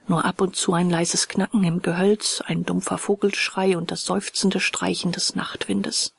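A woman narrating a dramatic story aloud, often dropping to a hushed whisper. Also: on the low side, flat delivery, unhurried, vocal fry, breathy edge, dry recording, studio quality. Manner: dramatic, shifts between hushed whisper and raised calls. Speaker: audiobook reader.

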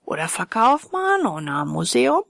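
Woman playing blunt rough peasant guys, husky. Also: on the high side, wildly swooping pitch, measured pace, fairly bright tone, no echo, heavily acted. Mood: scheming. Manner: coarse, blunt dialect talk. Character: rough peasant men, dialect-speaking villagers.

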